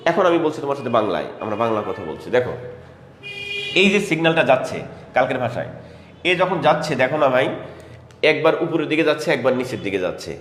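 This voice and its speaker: A male teacher giving an exam-prep lecture in a classroom. He talks fast with a lively, rising and falling pitch, asking questions and answering them himself. The voice echoes through a roomy hall over a faint hum of ambience. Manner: addresses students by name, repeats key terms.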